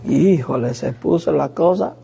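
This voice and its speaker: Man, pastor, sermon, storytelling, mellow dark tone, husky. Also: a little high, measured pace. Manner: storytelling preacher, acts out quoted pleas.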